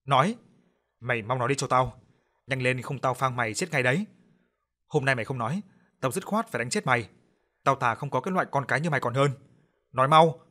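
A man voicing a furious, harsh middle-aged father who shouts, curses and threatens. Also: mid-range voice, a little fast, pauses often, close to an everyday voice. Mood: furious shouting.

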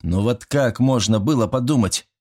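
A man's voice: mid-range voice, normal speed, mellow, husky, voice pushed up, natural voice. A man reading an audiobook, voicing a cocky teenage schoolboy who scoffs with self-assured confidence. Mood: scoffing. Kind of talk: audiobook character voice.

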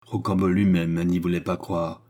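A man reading a classic novel aloud as an audiobook narrator, telling the story steadily. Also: moderate pace. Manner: steady storytelling, lifts pitch for quoted speakers.

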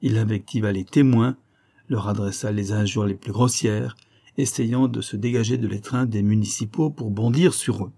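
A man narrating a classic novel in a measured, even reading voice. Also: on the low side, vocal fry. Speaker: audiobook narrator.

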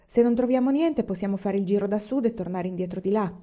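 A woman reading the lines of a young man, steady and practical in how he talks. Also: mid-range voice, fast, muffled recording, lightly acted. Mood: calm. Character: young man driving a sled in the cold.

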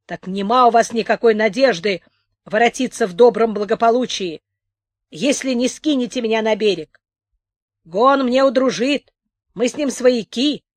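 A stubborn old village man , as a woman reader puts him on, bickers and wheedles in rustic speech. The voice pushes up high and loud against her usual reading. It is recorded dry and close for an audiobook. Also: no echo. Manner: grumbling, quarrelsome, rustic speech.

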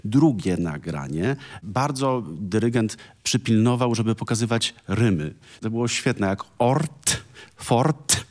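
A man's voice: fairly low pitch, lively intonation, slow, a little mellow. A man music critic on a radio panel in a studio, talking in an enthusiastic, expansive way with frequent exclamations.

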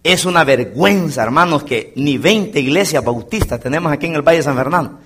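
A man preaching a sermon as a pastor in a church, swinging between loud exclamations and quiet asides. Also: fairly high pitch, animated, brisk, breathy edge. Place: church sanctuary.

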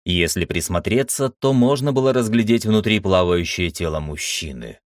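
A man narrating a fantasy audiobook in an expressive storytelling delivery. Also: deep voice, moderate pace, dry recording, studio quality.

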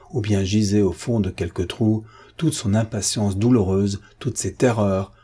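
Man reading an old novel aloud, low mellow voice, husky. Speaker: audiobook narrator. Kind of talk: scripted narration.

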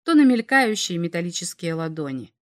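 A woman reading science fiction aloud as an audiobook narrator, measured and dramatic. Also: lowish voice, big pitch swings.

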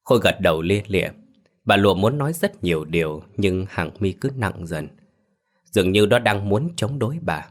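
A man narrating a scripted ghost story in a steady, even reading voice. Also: low-pitched, normal speed.

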